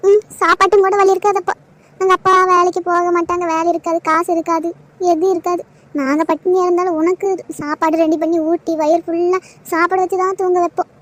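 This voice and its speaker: A hurt, guilt-tripping aging mother from a homemade cartoon, as an actor voices her. She talks fast in a very high voice and lays on the hurt feelings. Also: a bit bright. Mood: stern. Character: aging mother, wounded and proud. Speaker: mother-in-law. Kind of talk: amateur cartoon voice acting.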